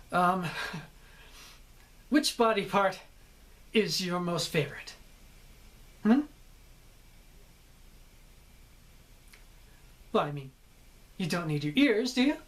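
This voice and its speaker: A man's voice: high-pitched, expressive, slow pace, pauses often. Ramsay, a man doing a gleeful sadistic torturer. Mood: teasing menace. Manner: teasing, mock-friendly threats. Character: sadistic young male torturer, gleeful and menacing.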